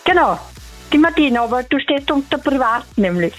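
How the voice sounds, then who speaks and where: High woman on the phone. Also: a little fast, faint music behind. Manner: excited, exclaiming, self-mocking. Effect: heard over the phone line. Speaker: caller on a radio prize call. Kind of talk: casual phone chat.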